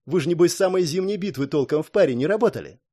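A plainspoken young country woman, voiced by a male audiobook narrator, speaks in a folksy rustic way. The delivery sits high and swings widely in pitch. It sounds like storybook reading. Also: expressive, rapid-fire, dark tone, husky. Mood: teasing, earnest. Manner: folksy, drawls "-to" tags.

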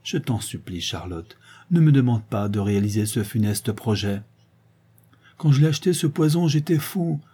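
A desperate young man begging his beloved in a storybook reading, as the narrator speaks his lines. The voice is dark and husky, rising and falling with impassioned pleading. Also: mid-range voice, animated, moderate pace.

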